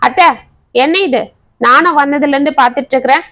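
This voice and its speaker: A woman's voice: high voice, fairly quick, a bit bright. A woman voicing an impatient, grumpy middle-aged man. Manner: impatient, dismissive.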